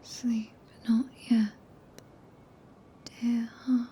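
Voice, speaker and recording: Close to a binaural mic, a woman with a British accent gives a breathy ASMR whisper as a tender, possessive, regal witch, her archaic English soothing and commanding. Her pitch sits fairly high with little movement, her tone is dark, and she speaks extremely slowly in a heavily acted, gently commanding mood.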